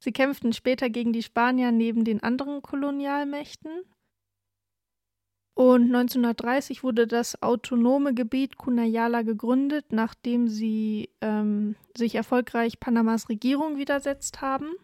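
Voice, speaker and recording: A young woman originally from Peru, with a slightly high, dark-toned voice, speaks steadily at a normal pace as a podcast co-host. She chats casually and shares prepared facts self-deprecatingly, recorded at studio quality with no echo.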